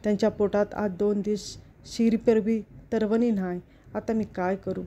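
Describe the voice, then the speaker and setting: A woman's voice: mid-range voice, steady tone, normal speed, mellow, natural voice. A woman reading the lines of a poor village father who pleads in a humble rural dialect. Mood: pleading. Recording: dull lo-fi recording.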